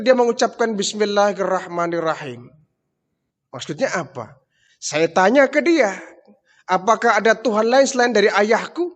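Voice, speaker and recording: A man's voice: high-pitched, fairly bright tone, voice pushed up, full character voice. A man voicing a curious young princess who asks and reports to her father, in a preached story. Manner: questioning, reporting eagerly. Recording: long hall reverb.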